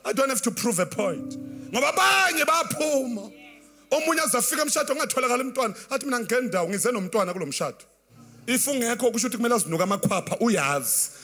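South African male preacher, 30s, very high bright tone, sing-song passionate delivery, handheld mic, faint band underneath. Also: lively intonation, fast. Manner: impassioned, half-singing preaching mixing Zulu and English. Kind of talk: sermon. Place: large church tent with a congregation. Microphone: handheld microphone. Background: faint band music.

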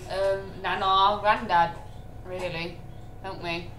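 A woman's voice: mid-range voice, steady tone, slow, a bit bright. A young woman with an East Midlands accent from Derbyshire, touched with Yorkshire, chatting casually to a webcam as a vlogger. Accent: East Midlands, Derbyshire with some Yorkshire. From Chesterfield, Derbyshire, England. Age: young adult. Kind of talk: casual chat, reading out an accent tag. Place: living room at home. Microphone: webcam or computer microphone at desk distance. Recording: roomy, noisy home webcam recording.

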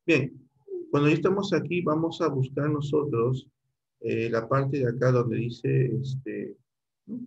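A man's voice: medium pitch, steady tone, unhurried, creaky, darkish tone, slightly rough, dull audio. A middle-aged man teaching a computer class online, guiding students step by step and checking in often.

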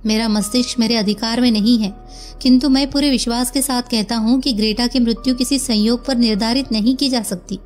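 A woman voicing a grief-stricken, volatile male professor who shouts through tears. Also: steady tone, brisk, faint music behind, lightly acted. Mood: distraught. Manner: shouting, tearful, raised pitch.

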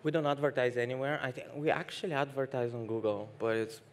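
A young Bulgarian man who founded a dating app speaks frankly as a panelist on a conference hall stage. His voice is medium-pitched and quick, full of hesitations and restarts, and he laughs as he talks.

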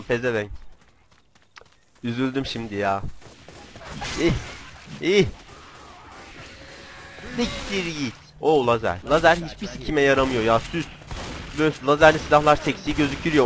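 A young man giving casual, joking commentary while playing a video game, with frequent swearing and sudden excited outbursts. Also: medium pitch, a little hiss or hum. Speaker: gamer.

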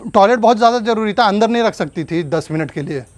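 High-voiced man angrily scolding. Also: lively intonation, fast talker, no room sound. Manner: scolding, angry, threatening. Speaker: prankster husband. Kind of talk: staged angry argument.

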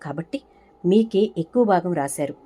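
Woman reading as a calm lawyer guy, patient, explains it step by step. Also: on the low side, moderate pace, husky. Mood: explaining. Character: middle-aged male lawyer, calm and explanatory.

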